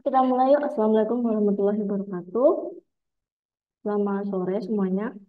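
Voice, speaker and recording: A woman lecturer with a cold, stuffy and a little hoarse, walks students through her material at a patient pace with plenty of hesitant fillers. Her voice comes through a tinny, phone-like online call line. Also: medium pitch, fast. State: has a cold. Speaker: university lecturer. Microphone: video call.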